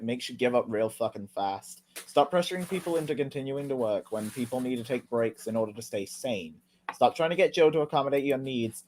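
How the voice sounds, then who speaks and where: A man talking through an online argument in casual commentary, sarcastic and easily heated, cursing freely. His voice sits at an ordinary middle pitch. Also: slight background noise. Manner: sarcastic, heated, swears a lot. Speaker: commentary video host. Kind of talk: casual commentary reading tweets.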